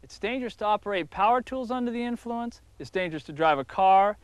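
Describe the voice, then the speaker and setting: A man's voice: high voice, animated, quick pace, smooth, dry recording. A man narrating a scripted safety lesson with firm, cautionary instructions, heard from a worn VHS tape copy. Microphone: voice-over. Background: country guitar music.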